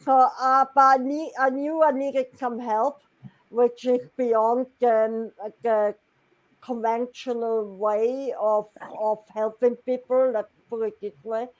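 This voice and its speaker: Woman, Austrian German accent, middle-aged, interview guest, slow, halting, searching for words. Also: fairly high pitch, steady tone, low-quality recording. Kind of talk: casual interview chat.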